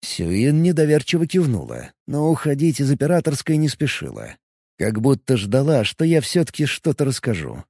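A man narrating a first-person audiobook in an expressive, lively way. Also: medium pitch, normal speed, gravelly, no echo, studio quality.

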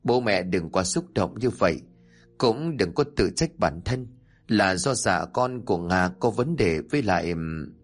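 Guy reading a sweet naive young husband, choked up, calming, lowish husky tone. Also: unhurried, faint music behind. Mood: choked soothing. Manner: choked-up, soothing.

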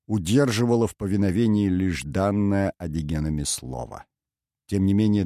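Low, dark-voiced male audiobook narrator. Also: no echo, studio quality. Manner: measured, dramatic reading. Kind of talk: scripted narration.

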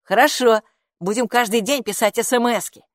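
A woman's voice: on the high side, normal speed, no echo, studio quality, pitched above the performer's own voice, close to an everyday voice. Woman playing a cocky know-it-all boy. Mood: confident. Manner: matter-of-fact, know-it-all. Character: clever, cocky young boy, the brother.

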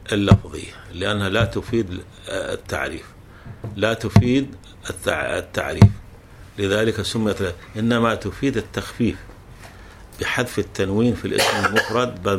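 A man's voice: on the low side, creaky, a little hiss or hum. A man teaching a grammar lesson, patiently explaining with examples and often restarting words.

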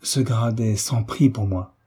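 A man's voice: lowish voice, a little slow, mellow, husky. A man voicing an earnest young officer who speaks with hesitant, moved sincerity.

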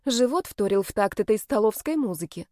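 A woman narrating a first-person fantasy novel in a lively, expressive storytelling manner at a close mic. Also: medium pitch, fairly quick, dry recording. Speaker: audiobook narrator.

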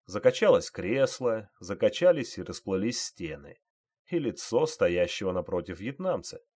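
A man reading a dramatic audiobook as narrator, in an expressive way. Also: fairly low pitch, moderate pace, husky. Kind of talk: scripted narration.

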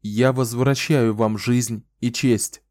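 A man's voice: fairly low pitch, steady tone, fairly quick, dark tone, smooth, dry recording, clean studio sound, lightly acted. A man reading an audiobook voices a fierce, tormented young male warrior who barks out commands. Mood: solemn. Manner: barked commands.

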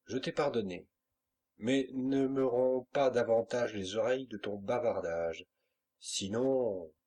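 A man's voice: on the low side, a little mellow, slightly rough. A man reading an audiobook, voicing a fierce, hot-tempered pirate captain who talks in brusque, commanding bursts.

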